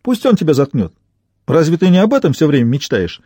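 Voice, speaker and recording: A man's voice: a little high, very animated, brisk, warm tone, husky, no room sound, studio quality. A man reading an audiobook, voicing a sardonic, nervous man who needles his friend with mocking remarks. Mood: needling. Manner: mocking, muttered sarcasm.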